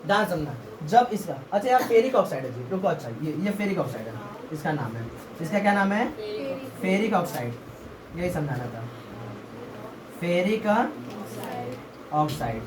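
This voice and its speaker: A woman's voice: sits low, very animated, moderate pace, pauses often. Woman teaching in an echoey classroom. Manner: asks the class questions and repeats answers. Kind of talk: classroom lesson. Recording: echoey room from far off, faint background noise.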